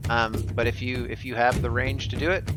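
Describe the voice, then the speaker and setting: A man narrating as the game master of a tabletop game, relaxed and chuckling. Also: mid-range voice, a little fast. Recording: music playing behind.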